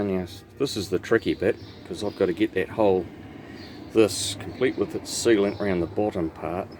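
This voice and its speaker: A man with a lowish, darkish voice and a New Zealand accent narrates his own repair video as a radio technician. Working in and around a truck cab, he explains the hands-on steps casually and matter-of-factly, and background noise and vehicle sounds are clearly audible.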